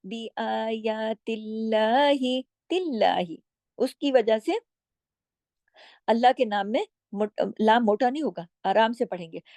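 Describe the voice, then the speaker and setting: Woman, recitation teacher, patient explaining, slow drawn-out demonstrations, higher pitch, dry sound. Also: warm tone, dry recording. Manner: patient, explanatory, checks in with "okay?"; draws out words slowly when demonstrating.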